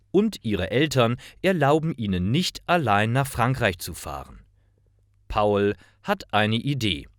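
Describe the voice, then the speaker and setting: Short stories for language learners are read here by a man in a careful, measured, clearly articulated scripted narration. His voice is fairly low, and the studio-quality audio has no echo.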